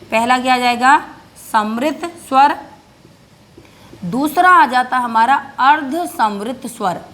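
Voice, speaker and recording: A woman teacher giving a grammar lesson, asking and answering her own questions and slowing down to dictate notes. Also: high voice, bright, forceful tone. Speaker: Hindi teacher. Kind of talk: classroom-style grammar lesson.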